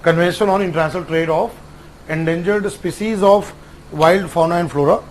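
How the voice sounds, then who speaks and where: High-voiced teacher. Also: male voice, steady tone, a little hiss or hum, poor audio. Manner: repetitive, spells out acronyms slowly. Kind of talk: online exam-prep lecture. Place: classroom with whiteboard.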